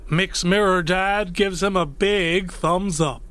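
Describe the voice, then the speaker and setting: An actor playing a vain, mock-serious narrator of a steamy comedy romance, melodramatic and pompous. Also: male voice, sits high, steady tone, takes it slowly.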